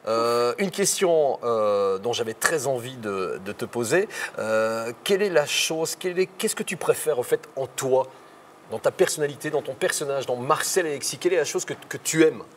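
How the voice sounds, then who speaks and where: A man's voice: mid-range voice, expressive, normal speed, a little hiss or hum. Playful male interview host. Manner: playful, hesitant with fillers. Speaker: radio show host. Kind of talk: interview hosting.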